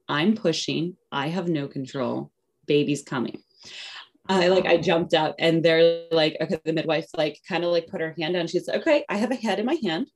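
A woman's voice: sits low, gravelly, a little mellow. A woman casually telling a personal story as an interview guest, full of "like" and "you know" and quoting what she said back then. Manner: acts out her own past remarks in quotes.

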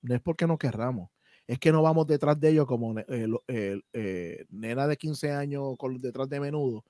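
A man's voice: medium pitch, moderate pace, mellow, no room sound, clean studio sound. A man from Puerto Rico with a Puerto Rican accent, hosting a podcast and talking passionately with frequent swearing. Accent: Puerto Rican Spanish. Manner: passionate, emphatic, swears freely. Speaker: podcast host. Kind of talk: casual podcast conversation.

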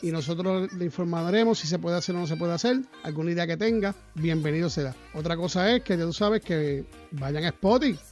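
Male co-host, notably high pitch, loose chuckling delivery, dull recording with faint music. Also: fairly quick, few pauses. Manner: relaxed, chuckling, rambling plugs. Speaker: podcast co-host. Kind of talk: casual chat and show promotion. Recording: dull lo-fi podcast audio with music.

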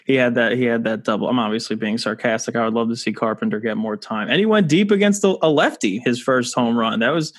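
A man co-hosting a sports podcast, talking in a relaxed, chatty way with frequent restarts. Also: mid-range voice, fast, hardly any pauses. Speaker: podcast co-host. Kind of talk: casual sports podcast chat.

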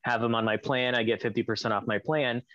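A man's voice: medium pitch, fairly even intonation, fast talker, a bit bright, slight background noise. A man casually telling a long story about a family dispute, rambling with many fillers and restarts. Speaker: divorced father telling a story. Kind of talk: casual spoken account of a co-parenting conflict. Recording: dry, dull lo-fi recording.

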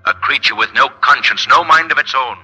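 An actor playing a sinister, mysterious avenger who narrates with theatrical menace in an old radio drama on a muffled recording. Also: male voice, medium pitch, expressive, fairly quick, sharp tone, breathy edge, faint music behind, full character voice. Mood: ominous.

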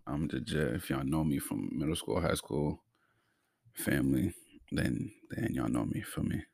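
Here a young Brockton, Massachusetts man hosts his own podcast with a creaky, husky bass voice that's a little mellow and measured in pace. The sound is dry and clean, studio-grade. His casual solo talk is slangy and relaxed, with an occasional stutter.

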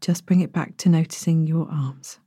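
A woman with a soft, breathy voice that slips toward a whisper, gently guiding a bedtime relaxation in the soothing, unhurried manner of a sleep story narrator. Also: low-pitched, fairly even intonation, dry recording, clean studio sound. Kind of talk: guided bedtime body-scan meditation, sleep story narrator delivery.

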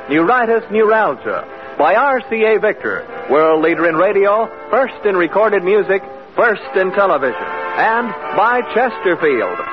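Old-time radio announcer, high-voiced man over music. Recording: dull vintage radio broadcast.

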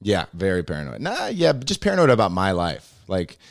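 A man's voice: sits low, creaky, no room sound, studio quality. A young man, a stand-up comic, telling stories in a casual podcast chat and acting out the lines of the people in them. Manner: fast, animated storytelling with acted-out quotes.

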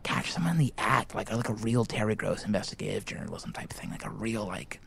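A man's voice: fairly low pitch, expressive, fairly quick, creaky, fairly bright tone, breathy edge, heavily acted. A man playing an awkward, eager teenage boy hosting a school podcast, whispering into a handheld mic in a library and rambling with lots of fillers. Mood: hushed excited. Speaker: podcast host. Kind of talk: scripted comedy podcast. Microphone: handheld microphone.

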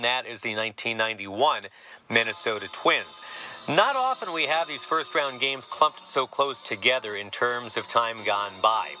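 A man's voice: mid-range voice, sharp tone, low-quality recording. Guy hosting a sports podcast, joking around, organ music in the background. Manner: wry, joking asides. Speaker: podcast host. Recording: music playing behind the voice.

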